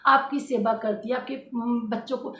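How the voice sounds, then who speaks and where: A woman speaks as a housewife giving advice, in a fairly high voice. She talks earnestly and directly to her viewers and circles back to the same points. Her voice carries a roomy echo with a faint hiss behind it. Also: fairly even intonation, normal speed, a bit bright. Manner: earnest, direct, repeats points with many fillers. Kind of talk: casual advice talk to viewers.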